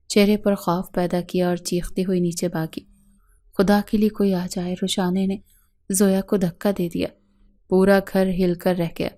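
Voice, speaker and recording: A woman's voice: fairly low pitch, warm tone. Woman narrating a dramatic romance novel.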